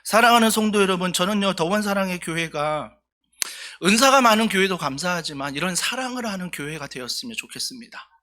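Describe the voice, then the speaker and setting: A man's voice: sits high, expressive, a little fast, sharp tone. A male pastor preaching a sermon, telling a story earnestly and with feeling.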